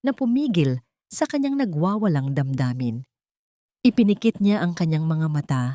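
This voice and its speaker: This is a scripted dramatic narration by a woman with a Filipino accent and a lowish, somewhat mellow voice. There's no room sound, and the studio recording is clean.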